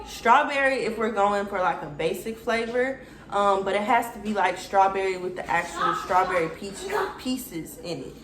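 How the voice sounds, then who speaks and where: Her mid-range voice moves at a moderate pace, echoing with a crowd audible behind her. She's a YouTuber in her twenties from Atlanta, Georgia, USA, speaking with an Atlanta Southern US accent. In this casual get-to-know-me video she's chatty and slangy, talking directly to viewers.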